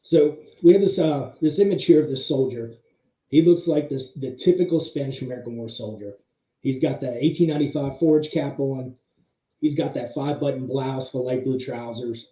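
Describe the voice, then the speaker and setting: A man hosting a monthly history talk, explaining slides conversationally, heard in tinny, low-sample-rate audio from an empty room. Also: roomy sound. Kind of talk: casual slide-show presentation. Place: pretty much empty room.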